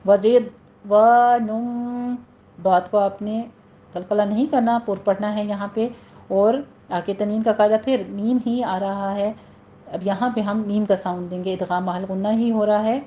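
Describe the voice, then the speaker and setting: A woman teaching Quran recitation rules step by step, then reciting the example words slowly and drawn out. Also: medium pitch, steady tone, muffled recording, a little hiss or hum. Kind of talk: tajweed lesson with slow recited examples.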